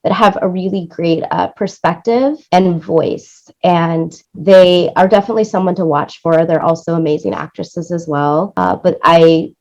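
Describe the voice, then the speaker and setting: This music supervisor and producer speaks as an interview guest, her low, darkish voice steady and a little slow with few pauses. She explains things in a conversational way, frequently adding "right?" or "you know". The recording sounds dull and lo-fi.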